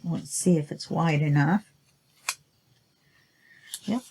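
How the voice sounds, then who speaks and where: A crafting channel host with a stuffy nose chats and talks to herself while working through a craft project in a casual tutorial, sniffling along the way. Her voice is low-pitched and darkish, her pace slow, with a little hiss or hum in the background.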